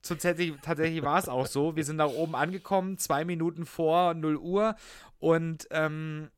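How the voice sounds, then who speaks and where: A man with a slightly high voice co-hosts a podcast. He talks in a loose, conversational way, and the recording is dry with hardly any room sound. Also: steady tone, moderate pace, smooth, no echo. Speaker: podcast co-host. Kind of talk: casual podcast chat.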